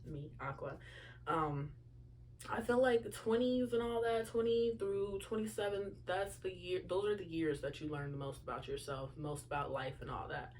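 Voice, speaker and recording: A woman's voice: fairly low pitch, normal speed, darkish tone. A young woman chats casually to her listeners. She rambles, stacks up fillers and throws in side remarks. A faint hum sits under the recording. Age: young adult. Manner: chatty, lots of fillers and asides to listeners. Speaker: podcast host. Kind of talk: casual solo chat.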